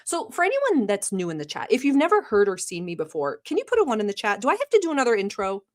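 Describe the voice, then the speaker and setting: Speaking quickly in a fairly high voice whose pitch swoops wildly, a young woman hosts a casual livestream reacting to a video. Turkish is her first language and Turkey her birthplace, and she's chatty, teasing, quick to laugh, and casually profane.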